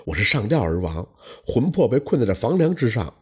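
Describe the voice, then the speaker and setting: A man's voice: mid-range voice, very animated, fairly quick, breathy edge, voice pushed down. A man voicing a young female ghost who pleads sorrowfully for help, in a storytelling performance. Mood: tearful.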